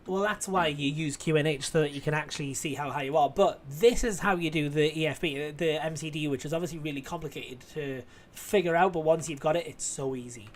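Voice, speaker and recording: A man's voice: on the high side, brisk, few pauses. A man streaming, explaining things in a chatty, casual way with the odd swear word.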